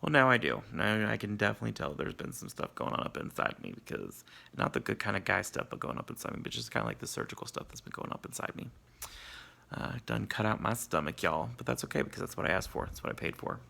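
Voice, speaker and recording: Casting: male vlogger, heavy vocal fry, bright edge, groggy and sore post-op, candid and casual. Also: on the low side, big pitch swings, quick pace. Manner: candid, self-deprecating, salty-tongued. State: groggy, sore after surgery. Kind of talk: casual confessional video diary.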